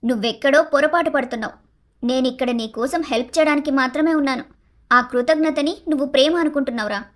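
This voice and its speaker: Cartoon story: a woman as a blunt, scolding young wife, high voice. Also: quick pace, close to an everyday voice. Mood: indignant. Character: young married woman, sharp-tongued and feisty. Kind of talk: Telugu storybook cartoon dialogue.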